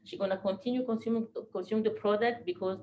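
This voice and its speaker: Presenting at a business team training, a woman delivers a fast, earnest motivational talk to a group, repeating phrases to drive points home. Her mid-range voice is steady and dark in tone. The recording is muffled, and the room is noisy.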